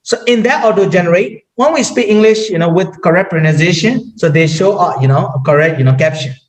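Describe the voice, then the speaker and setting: High-voiced man with a Burmese accent. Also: a little fast, rough recording. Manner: hesitant, repeats words, many "you know" fillers. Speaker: guest sharing language-learning tips. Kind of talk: casual conversation.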